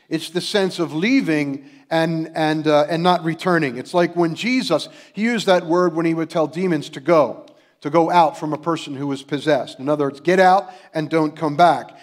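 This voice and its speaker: A middle-aged man, a pastor, preaching a sermon earnestly and slowing for dramatic pauses. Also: fairly high pitch.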